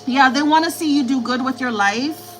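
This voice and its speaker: High-voiced woman giving tarot readings. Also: normal speed, slight background noise, poor audio. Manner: repetitive, reassuring, relays spirit messages. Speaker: tarot reader. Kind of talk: live-stream tarot reading.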